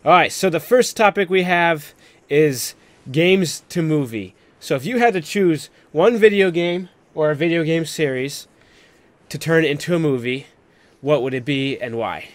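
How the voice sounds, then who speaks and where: A man with a fairly high voice hosts a live stream panel, chatting casually at normal speed in a dry recording. He rambles with lots of filler, constantly dropping in "like."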